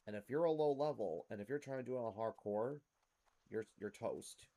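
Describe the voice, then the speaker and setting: A man's voice: medium pitch, moderate pace, warm tone. A man hosting a gameplay series, explaining things to viewers in casual commentary. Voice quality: rough smoker's-type cough.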